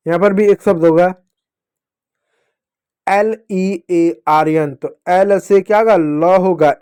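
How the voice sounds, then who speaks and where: Male kids' teacher, high voice, patient, spells each word out letter by letter. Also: a little mellow, clear, resonant tone. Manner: slow, syllable-by-syllable spelling out of words; addresses children fondly as dear kids. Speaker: English teacher for children. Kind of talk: phonics lesson for kids.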